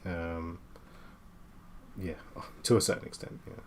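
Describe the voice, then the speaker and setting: Man, late twenties, very low voice, halting casual chat while drawing, faint room hum behind. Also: steady tone. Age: 20s. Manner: hesitant, many fillers and restarts. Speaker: art streamer.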